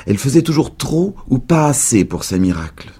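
A man reading a story aloud for radio in a measured, dramatic way. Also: mid-range voice, very animated, dark tone, husky. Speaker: narrator.

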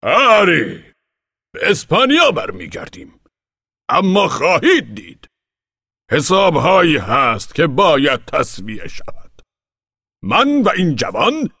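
A man voicing a fiery old exiled commander who declaims his words slowly and loudly in an audiobook. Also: sits high, huge pitch swings, creaky, slightly rough, dry recording, clean studio sound, pitched above the performer's own voice, exaggerated voice. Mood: fiery, rousing. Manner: declaiming, slow and loud.

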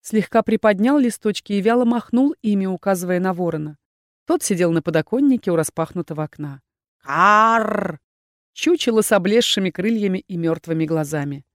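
A woman narrating a first-person fantasy audiobook with an expressive storytelling delivery. Her voice sits at a middle pitch. The recording is close and dry, with no room sound. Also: brisk, no room sound.

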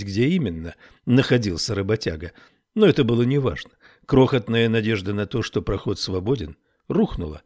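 A man narrating an audiobook in a measured, even reading voice. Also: fairly low pitch. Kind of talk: scripted narration.

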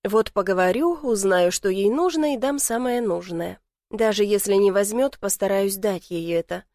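A woman reading first-person audiobook narration in an even, expressive way. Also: mid-range voice, normal speed, no echo, studio quality.

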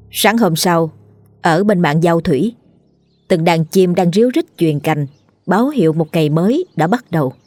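A woman narrating a comic ghost story in a lively storytelling manner. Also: lowish voice, dry recording. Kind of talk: dramatic storytelling.

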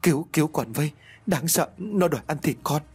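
A man's voice: medium pitch, lively intonation, fairly quick, a little mellow, slightly rough. A man narrating a ghost story voices a terrified young man under a curse who stammers and pleads. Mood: desperate.

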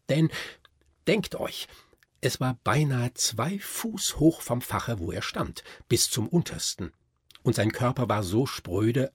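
A man narrates an audiobook with expressive, lively storytelling. His pitch swings widely while his tone stays very husky and breathy. The studio sound is close and dry. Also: no room sound. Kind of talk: scripted narration.

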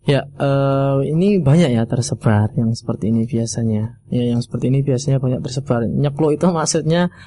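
A man's voice: mid-range voice, fairly quick, dark tone. A man teaching Quran pronunciation on a radio call-in, patiently repeating phrases and sounding out letters.

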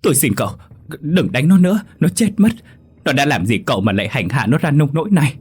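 A man's voice: fairly low pitch, lively intonation, fairly quick, breathy edge. A man voicing a terrified village mother near sixty, pleading and sobbing in a raised, strained voice.

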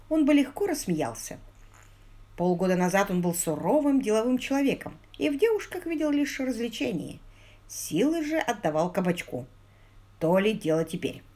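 A woman narrating an audiobook in an expressive, ironic storytelling manner. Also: on the high side.

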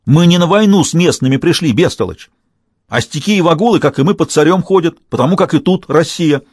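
A man's voice: on the high side, animated, brisk, darkish tone, breathy edge, dry recording, clean studio sound, voice pushed up. A man voicing a stern middle-aged commander in an audiobook, scolding and barking orders. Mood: angry scolding.

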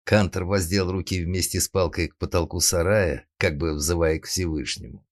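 A man narrating an audiobook in a steady, ironic storytelling manner. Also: sits low, moderate pace, no room sound, clean studio sound.

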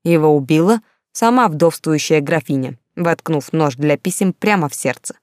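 A woman narrating an audiobook with steady storytelling. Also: low voice, normal speed, dry recording, clean studio sound. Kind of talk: scripted narration.

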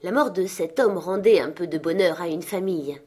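A woman reading a classic novel aloud as an audiobook, in calm, measured storybook narration. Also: fairly low pitch, breathy edge. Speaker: audiobook reader.

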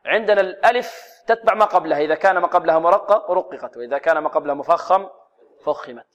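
A man teaching Quran recitation rules to students, asking questions and then answering them himself, and demonstrating letters and verses slowly. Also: on the high side, highs cut off. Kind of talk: tajweed lesson for students.

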